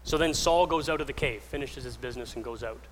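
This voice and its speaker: A man preaching a sermon, telling the story with lively acted-out voices, from soft whispers to raised passages. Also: mid-range voice, quick pace. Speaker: pastor. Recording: reverberant hall with faint ambient noise.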